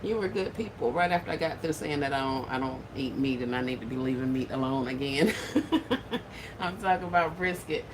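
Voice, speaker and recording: A woman's voice: rumbling low, expressive, moderate pace, noisy background. A woman hosting a casual livestream, greeting viewers by name, laughing often and teasing playfully. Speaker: livestream host.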